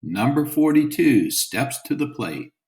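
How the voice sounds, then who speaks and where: A man voicing an excited male radio baseball announcer, calling the play emphatically and high. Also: unhurried, low-quality recording. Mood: announcing.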